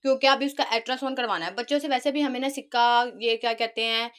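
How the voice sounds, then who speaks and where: Woman vlogger, thirties, high pitch, casual running narration of family life. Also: fast talker, fairly bright tone, clean tone. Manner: chatty, narrating family moments as they happen.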